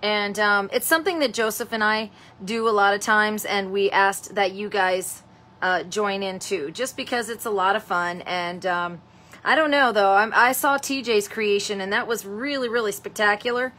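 During her live craft stamping show, this host chats with viewers, naming them and calling them honey and sweetheart, while rambling through many ums and restarts. She talks at a moderate pace in a mid-range voice that is bright and forceful.

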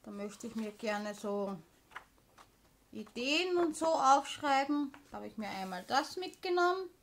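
A woman's voice: sits high, lively intonation, measured pace, gravelly, slight background noise. A woman chatting casually as a vlogger, showing purchases in an informal, explanatory manner. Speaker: craft haul vlogger.

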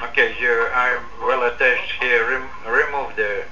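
A man's voice: mid-range voice, steady tone, unhurried, sharp tone. Man relaying commands over crackly radio link. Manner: clipped procedural radio talk with restarts. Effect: space-to-ground radio link. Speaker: interpreter on mission radio loop. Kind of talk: consecutive interpreting of spacewalk commands. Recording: muffled distant radio with hiss.

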